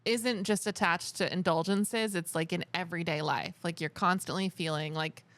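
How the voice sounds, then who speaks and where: A woman's voice: fairly low pitch, fairly even intonation, normal speed, a bit bright, no room sound. A young adult woman co-hosting a podcast in casual chat, wry and steering the topics with questions. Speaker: podcast co-host.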